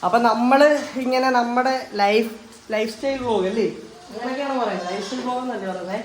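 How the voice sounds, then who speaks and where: A man's voice: very high voice, fast, slight background noise. A man, chatting casually and rambling as he films a family vlog in a home kitchen, mixing in English words. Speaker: family vlogger filming his partner cooking.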